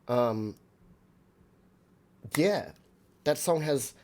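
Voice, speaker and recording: A man's voice: a little high, animated, very slow, a little mellow, slight background noise. Rambling Australian man chatting on stream. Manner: rambling, filler-heavy, chats to viewers. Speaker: musician and streamer. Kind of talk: live-stream album reaction chat.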